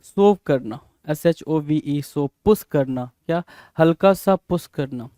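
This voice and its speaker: A man's voice: on the high side, slow, mellow, no echo. Dry-voiced man teaching vocabulary. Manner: spells words letter by letter and keeps asking "bhai?". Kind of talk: exam-prep vocabulary lesson.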